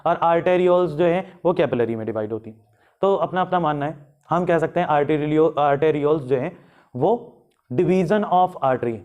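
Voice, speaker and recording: A man's voice: on the high side, a little mellow. A man teaching biology, asking questions aloud and answering them himself, drawing out key terms. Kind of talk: classroom lecture.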